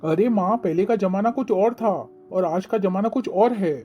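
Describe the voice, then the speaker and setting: A woman's voice: medium pitch, normal speed, mellow, faint music behind, lightly acted. A woman voicing an earnest young man in a cartoon family drama, reproachful and pleading as he defends his wife.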